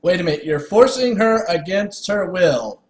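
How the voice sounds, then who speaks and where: Casual let's-play commentator: animated, amused sarcasm, swearing, roomy echo. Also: mid-range voice, moderate pace. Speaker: gamer commentator. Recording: echoey room.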